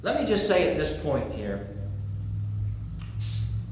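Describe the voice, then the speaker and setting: Slow, earnest pastor in an echoey hall. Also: male voice, on the high side, a little hiss or hum. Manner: earnest, animated storytelling with rhetorical questions. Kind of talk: sermon.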